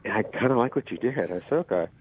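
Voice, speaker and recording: Over phone-like call audio, a raspy, low-voiced man talks very fast and with animation. An actor guest in a casual storytelling interview, he rambles, puts himself down, and says um a lot.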